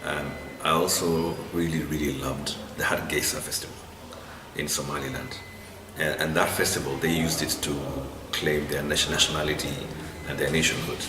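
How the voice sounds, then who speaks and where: Male interviewee, Kenyan accent, low-pitched, halting conversational delivery; recorded off-mic with noticeable background noise. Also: little pitch movement. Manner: halting, often repeats and restarts phrases. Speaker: interviewee, literary blogger. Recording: distant, echoey, noisy room.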